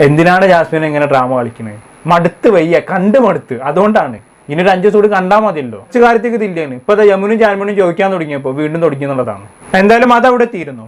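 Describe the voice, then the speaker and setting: A man hosting a casual episode review, talking in a sarcastic, scolding way. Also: high-pitched. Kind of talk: fast casual review commentary.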